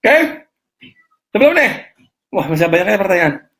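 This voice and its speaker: A man leading an online sales coaching session, lively and emphatic, often asking the audience rhetorical questions. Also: sits high, moderate pace.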